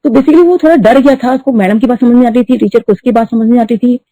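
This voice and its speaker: A middle-aged woman telling a devotional story at a satsang, talking fast and mixing in English words. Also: a little high, mellow, no echo. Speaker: devotee sharing testimony. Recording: dull lo-fi dry recording.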